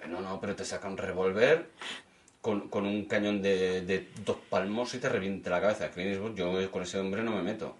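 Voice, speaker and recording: A man's voice: low voice, fairly even intonation, normal speed. Bantering man co-hosting a beer podcast. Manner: teasing banter, jokes about stumbling over words. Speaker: podcast co-host. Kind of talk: casual chat over beers.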